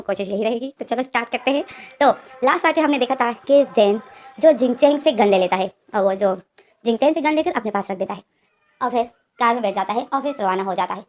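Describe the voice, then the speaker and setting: A woman retells a story scene by scene in a casual, chatty manner. Her voice sits fairly high. She keeps linking events with the same little connecting words. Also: fast talker, a little mellow. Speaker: story explainer.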